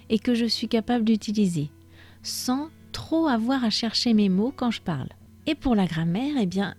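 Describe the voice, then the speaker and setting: A woman teaching in a podcast lesson for learners, explaining calmly and pausing often with "euh". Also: medium pitch. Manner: calm, explanatory, frequent "euh" pauses. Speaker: French teacher.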